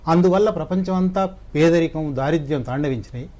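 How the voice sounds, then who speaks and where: A man speaking as a guest scholar in a discussion, giving a measured, lecturing explanation. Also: fairly high pitch, a little mellow.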